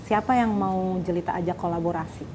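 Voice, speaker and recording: A woman's voice: lowish voice, a little fast. Chatty woman host, noisy setting. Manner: chatty, colloquial, affirming interviewer. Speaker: interview host. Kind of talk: casual celebrity interview.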